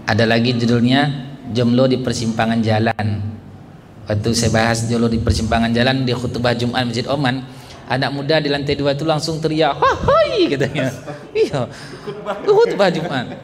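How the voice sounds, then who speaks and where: A man's voice: mid-range voice, lively intonation, normal speed. A man preaching a religious family lecture to a live audience in a large hall, engaging the listeners with jokes and questions. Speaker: Islamic preacher. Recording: echoey hall with faint background noise.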